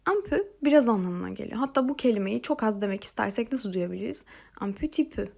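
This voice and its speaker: In this language lesson, a Turkish woman teaching French speaks with a breathy, gravelly voice and an animated pitch. Patiently, she goes over phrases again at a slow pace.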